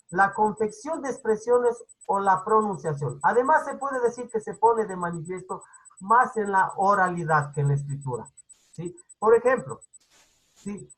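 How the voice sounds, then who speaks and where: A teacher from Ecuador speaking with a Quito highland accent, delivering an online class lecture. The voice is somewhat husky and breathy, set at a middle pitch. They explain things patiently and keep checking in with the class. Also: rough recording. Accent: Quito highland Spanish.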